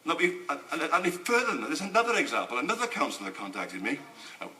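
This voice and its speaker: A man giving an indignant, emphatic parliamentary speech in a debating chamber, with halting restarts. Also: on the high side, wildly swooping pitch, bright, forceful tone. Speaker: member of parliament. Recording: echoey chamber.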